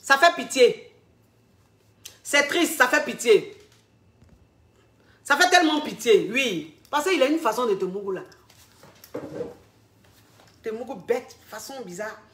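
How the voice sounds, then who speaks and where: A woman coach delivers an emphatic monologue, repeating her points and asking her listeners pointed questions. Her voice sits a little high. The room around her rings with noticeable echo. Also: expressive, slow pace, long pauses, a bit bright. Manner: repetitive, emphatic, rhetorical questions. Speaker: relationship coach. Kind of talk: monologue to camera.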